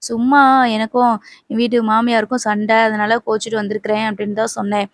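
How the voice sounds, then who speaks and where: A woman's voice: fairly high pitch, little pitch movement, brisk, no echo, clean studio sound, close to an everyday voice. A woman voicing a tearful young married woman who complains sorrowfully about her life.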